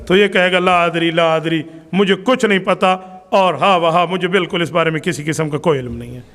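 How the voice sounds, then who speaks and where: A man's voice: high-pitched, a bit bright, in a large hall. A man preaching a religious sermon with a Pakistani Urdu accent, reciting Arabic passages and then explaining them with rising emphasis. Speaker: Islamic preacher.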